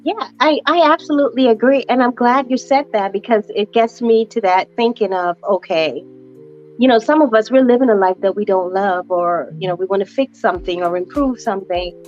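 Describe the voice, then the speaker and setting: Woman hosting a chill chat, kinda dull lo-fi sound, soft music under it. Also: mid-range voice, fairly quick. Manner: warm encouraging, lots of "you know". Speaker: host. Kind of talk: casual interview chat.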